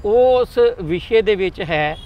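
High-voiced Punjabi male talk show host. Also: lively intonation, takes it slowly, muffled recording. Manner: leading, frequent "hai na" check-ins. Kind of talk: farm talk show interview.

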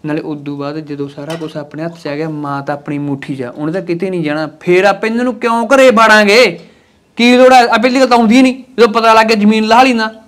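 A scheming husband, played by a man soothes his wife while he plots over the land. His Punjabi-accented voice sits a little high. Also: flat delivery, fast talker, few pauses, a little mellow, lightly acted. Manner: placating, then scheming.

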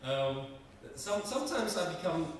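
A man's voice: a little high, sing-song, unhurried. A middle-aged man with a South African accent, a pastor welcoming the congregation and giving announcements, hesitant with many ums and restarts. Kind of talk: church service welcome and announcements. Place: large wood-panelled church. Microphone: stand mic at lectern. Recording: echoey church from far off, background noise.

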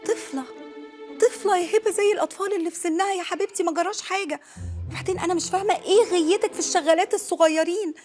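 Brief: a soothing Egyptian mom, high voice, brisk delivery. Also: female voice, a little mellow. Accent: Egyptian Arabic. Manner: affectionate, calls everyone darling. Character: tender, reasoning middle-aged mother, soothing. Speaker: mother and neighbor. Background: music.

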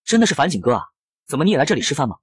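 A man's voice: a little high, big pitch swings, rapid-fire, slightly rough, no echo, clean studio sound, full character voice. A man voicing a chatty, complaining young man who gossips in a comic story. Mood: gossipy. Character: gossiping young male hanger-on, sulky.

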